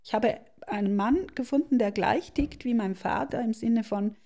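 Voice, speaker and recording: A middle-aged woman, thoughtfully telling her life story as an interview guest and often pausing to search for words. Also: a little high, dark tone. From South Tyrol, Italy. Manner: thoughtful, searching for words with many pauses and restarts. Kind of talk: reflective personal storytelling.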